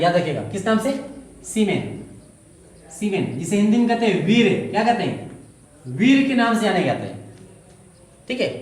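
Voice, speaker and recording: A woman's voice: on the high side, reverberant. A woman teaching a biology lesson, asking the class questions and repeating each key term. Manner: asks and answers her own questions, repeats key terms. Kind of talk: classroom lecture.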